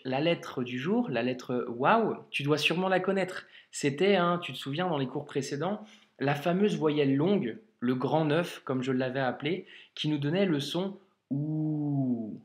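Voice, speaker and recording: A man's voice: fairly high pitch, reverberant. A man teaching Arabic reading in a video lesson, patiently spelling out sounds and checking in with the viewer.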